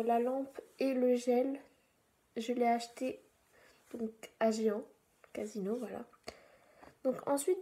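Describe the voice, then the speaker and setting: Woman, beauty vlogger, highish voice, faint hiss, chatty how-to delivery with fillers. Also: dark tone. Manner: chatty, many fillers, some whispered asides. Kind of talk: casual nail tutorial.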